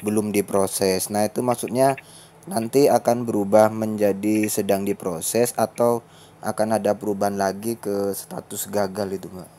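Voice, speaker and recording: A man's voice: on the low side, fairly even intonation, normal speed, warm tone. A man making a casual enquiry as a caller on the phone. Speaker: caller to a helpline. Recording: phone call with faint background noise.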